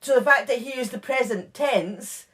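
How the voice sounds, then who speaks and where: This podcast co-host has a fairly bright, somewhat high voice and talks at a moderate pace. She casually retells true crime case notes, chatty and full of fillers and asides.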